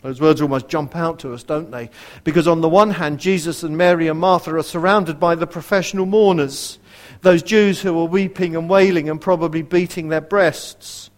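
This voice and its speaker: A man preaching a sermon in an earnest way, asking his listeners direct questions and dropping to a hush for quoted verses. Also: fairly high pitch, fairly even intonation, normal speed. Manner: varies loudness widely, dropping to a near whisper for quoted verses.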